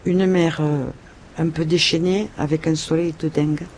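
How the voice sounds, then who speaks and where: A man with a southern French accent chats casually in an interview. His voice is high-pitched, and a faint rumble sits behind it. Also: little pitch movement, normal speed, darkish tone, low-quality recording.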